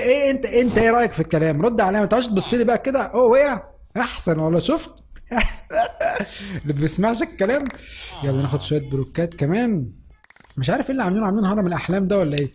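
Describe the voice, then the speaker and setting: A young man with an Egyptian Arabic accent giving joking, excitable commentary over a Minecraft match. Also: high-pitched, a little hiss or hum. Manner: excitable, joking, teasing other players. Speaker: gaming YouTuber. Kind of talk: Minecraft let's play commentary.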